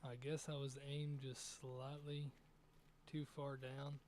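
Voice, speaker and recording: A man's voice: medium pitch, flat delivery, slow, a little mellow, a little hiss or hum. A young man streaming a hunting game, giving casual, rambling commentary as he thinks aloud over his shots.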